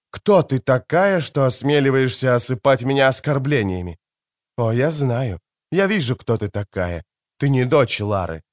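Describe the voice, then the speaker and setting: A man's voice: medium pitch, no echo, clean studio sound, natural voice. A man voicing a cold, stern ancient elf. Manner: calm, warning, measured. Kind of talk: audiobook character reading.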